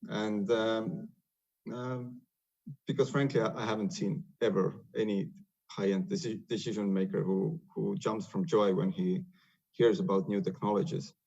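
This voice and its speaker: A man with an Estonian accent gives a webinar talk in English, his second language, over a video call. His voice sits low and comes through dull and lo-fi. He pauses often on fillers as he explains. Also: little pitch movement, creaky, a little mellow. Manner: hesitant, many "uh" fillers and restarts. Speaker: software developer presenting on a webinar. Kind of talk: webinar presentation.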